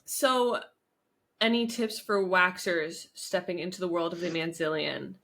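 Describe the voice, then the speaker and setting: A woman's voice: on the low side, steady tone, measured pace, fairly bright tone. A woman co-hosting a podcast, teasing and joking as she asks her co-host questions in casual chat.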